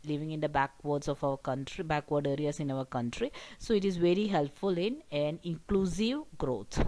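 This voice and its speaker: Low-voiced woman teaching a revision lecture. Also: a little mellow, poor audio. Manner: explanatory, frequent "okay" and "right" checks.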